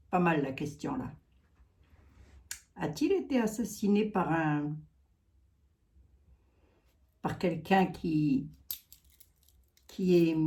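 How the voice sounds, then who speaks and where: A chatty woman with a Lorraine accent talks to her viewers like old friends while reading cards. Her voice sits low and soft-edged, and she leans on folksy tags and asides. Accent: Lorraine French. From Lorraine, eastern France. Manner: chatty, folksy, peppers talk with "hein". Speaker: psychic card reader. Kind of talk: casual chat to viewers.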